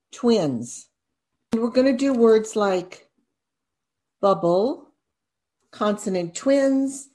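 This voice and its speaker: A woman teaching a phonics lesson, speaking slowly and deliberately and repeating each step aloud as she writes and draws. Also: mid-range voice, darkish tone. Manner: slow, deliberate, repeats steps aloud while drawing.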